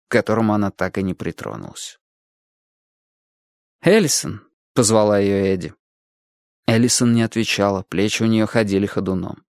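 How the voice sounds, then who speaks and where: A man narrating an audiobook in an expressive storytelling manner, giving each character a voice of their own. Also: lowish voice, no room sound, studio quality.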